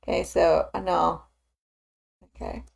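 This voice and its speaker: A woman's voice: on the low side, little pitch movement, slow, vocal fry, a little mellow, slightly rough. Rambling young woman streamer. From Southern United States. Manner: rambling, lots of "like" fillers. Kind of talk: casual chat while 3D modeling.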